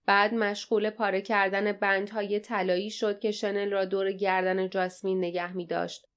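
Clear-voiced woman narrating an audiobook. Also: medium pitch, level tone, a bit bright. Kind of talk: scripted narration.

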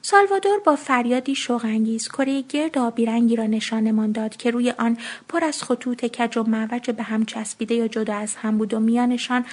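Breathy woman reading a story aloud. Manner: expressive, acts out the children's voices with raised pitch. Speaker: narrator reading a short story.

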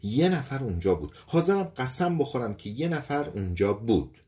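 A man's voice: a little high, wildly swooping pitch, a little mellow, pitched above the performer's own voice. A man voicing an uneasy, insistent wife.

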